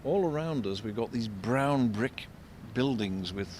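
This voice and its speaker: An older man giving unscripted commentary as an architect and local guide, discursive and explanatory, halting and repeating words. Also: lively intonation, darkish tone. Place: outdoors in a shopping street. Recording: vehicle rumble, street noise. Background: faint street traffic rumble.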